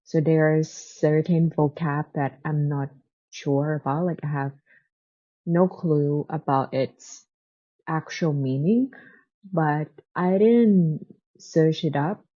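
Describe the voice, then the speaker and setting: A woman with a low, dark voice speaks slowly, and the highs in the audio are cut off. English is her second language, and she chats casually without a script like a book vlogger, often hesitating while she searches for words.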